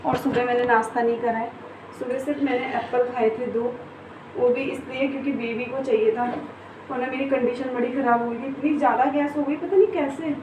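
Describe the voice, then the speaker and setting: A woman's voice: high voice, fairly even intonation, brisk. A young woman talking casually through a home vlog, feeling unwell while pregnant. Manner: chatty, talks softly while child sleeps. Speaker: vlogger. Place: home, kitchen and bedroom. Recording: noisy home recording.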